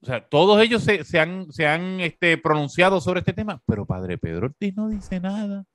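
A man with a Puerto Rican accent hosting a talk show, giving sarcastic, animated political commentary full of fillers. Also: sits high, normal speed, no echo.

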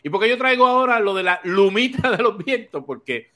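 A Puerto Rican man hosting a podcast, telling stories in animated casual political chat and laughing often. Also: sits high, fairly quick. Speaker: podcast host.

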